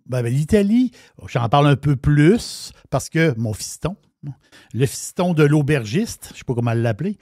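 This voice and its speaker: On a radio show, a wine columnist with a Québécois French accent presents a wine segment in a fairly high, slightly mellow, very animated voice at a moderate pace. His casual chat is enthusiastic and rambling, full of restarts, and the studio sound is clean with no room echo.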